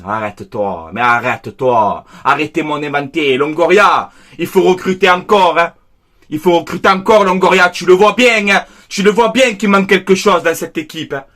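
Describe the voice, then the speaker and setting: A man talks straight to his viewers in a bright, slightly high voice. He is upset and worked up, venting about the match in a casual, repetitive rant. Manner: frustrated ranting, repeats himself, talks straight to viewers. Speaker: football fan video host. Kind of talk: casual angry match debrief.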